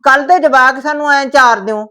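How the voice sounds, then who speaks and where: A woman's voice: high-pitched, brisk, sharp tone. An actress with a Punjabi accent playing a stern, suspicious older mother-in-law who scolds and lectures, in a village short-film drama. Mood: scolding.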